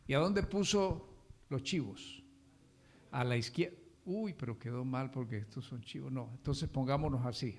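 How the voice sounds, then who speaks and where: A male pastor preaching a sermon, asking the congregation questions and answering them himself, with emphatic stress on key words. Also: medium pitch.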